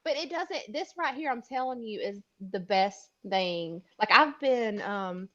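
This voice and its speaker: A woman's voice: mid-range voice, animated, a little slow, fairly bright tone. Rambling woman on a lo-fi stream. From Florida. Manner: rambling, a bit foggy, coughing. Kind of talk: casual live-stream chat. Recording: dull lo-fi audio.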